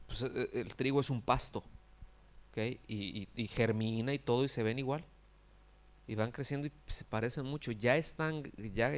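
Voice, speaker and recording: Pastor preaching conversationally. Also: male voice, medium pitch. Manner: conversational preaching, frequent rhetorical questions; acts out quoted characters with exaggerated cries. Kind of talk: sermon.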